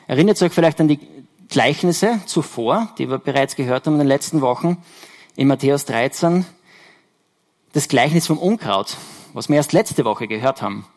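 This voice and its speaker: A man delivers a Sunday sermon in an explanatory, conversational way. He pauses to correct himself and stresses key words by repeating them. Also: a little high, darkish tone. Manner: explanatory, self-correcting, emphatic repetitions. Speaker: preacher.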